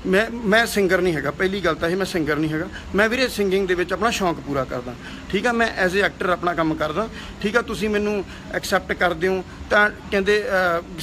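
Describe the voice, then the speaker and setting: A man's voice: sits high, sharp tone, slight background noise. A young man, an actor and singer, scolding heatedly in a video rant and repeating himself.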